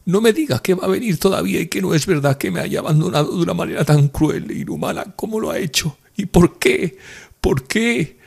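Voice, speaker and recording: A man's voice: expressive, fairly quick, creaky, a little mellow, husky, exaggerated voice. A man reading an audiobook, voicing a heartbroken young woman who pleads through tears. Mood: grieving. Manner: high tearful pleading voice, sobbing outbursts.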